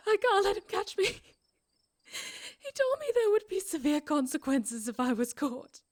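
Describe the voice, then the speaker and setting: A woman's voice: very high-pitched, very animated, unhurried, full character voice. A terrified young woman on the run. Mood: terrified pleading. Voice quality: shaky, tearful voice. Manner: desperate pleading, breaking into whispers.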